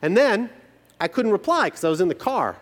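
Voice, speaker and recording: A pastor with a high-pitched voice preaches a sermon a little fast, telling stories with emphasis and humor in an animated way. The recording carries a long hall reverb.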